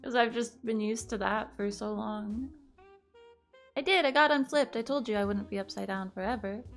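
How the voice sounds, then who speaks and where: Young woman streamer rambling to chat, kinda high voice, swears a lot, faint music behind. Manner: chatty and rambling, swearing, quick laughs.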